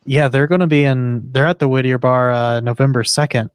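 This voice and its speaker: A man's voice: medium pitch, steady tone, a little fast, smooth, dry recording. A man co-hosting a podcast in casual chat, easygoing and prompting his partner with questions. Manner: easygoing, prompting the other host. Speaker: podcast co-host.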